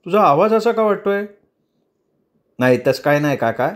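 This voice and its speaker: A man's voice: high voice, lively intonation, moderate pace, pitched above the performer's own voice. A male storyteller voicing an old neighbourhood shopkeeper who asks fretful, fussy questions.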